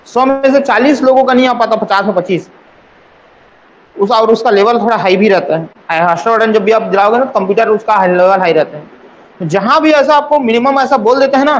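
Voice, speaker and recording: High-voiced male exam coaching teacher. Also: low-quality recording. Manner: repeats points for emphasis, asks students rhetorical questions.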